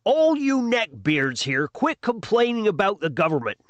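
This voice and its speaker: A man voicing a brash, boastful rich young man who sneers at the poor in a loud, drawn-out way. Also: high voice, wildly swooping pitch, dry recording. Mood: sneering. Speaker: comedy sketch performer.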